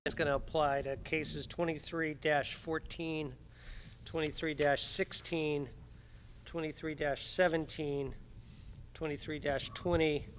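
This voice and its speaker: A man presents a legal argument to a town board in a measured, procedural way. His voice is bright and a little high. A faint hiss sits under the recording from a meeting room. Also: level tone. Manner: measured, procedural, many fillers. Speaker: attorney for applicants.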